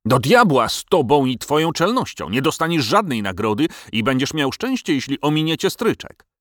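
A man's voice: medium pitch, very animated, brisk, a bit bright, dry recording, studio quality. A man voicing a wrathful, pompous king who speaks of himself as "we" in a storybook reading. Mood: furious. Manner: haughty, uses royal we.

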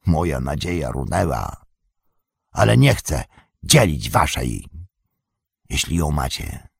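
A man's voice: a bass voice, very animated, creaky, slightly rough, dry recording, clean studio sound, heavily acted. Saruman, a man doing a sneering old wizard. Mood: scornful. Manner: sneering, drawn-out mocking speech. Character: bitter fallen old wizard beggar, scornful. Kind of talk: audiobook character reading.

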